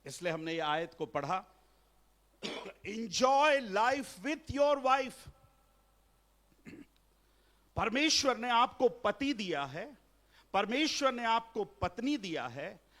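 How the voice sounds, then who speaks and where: At a family seminar in a church hall, a middle-aged pastor with a high, somewhat bright voice preaches in Hindi. English phrases surface in his sermon, and he jokes with those gathered.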